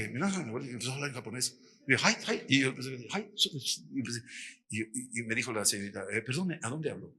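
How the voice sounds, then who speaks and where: A middle-aged Mexican man giving a lively testimony sermon at a missions workshop, acting out the dialogue as he tells the story. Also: medium pitch, husky. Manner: animated storytelling, acts out dialogue.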